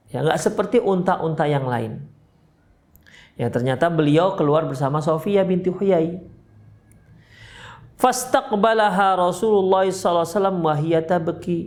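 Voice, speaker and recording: A man's voice: a little high, a little mellow. A man with a Medan accent giving a study sermon in a mosque, acting out quoted speech with big jumps in his voice. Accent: Medan Indonesian. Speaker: preacher.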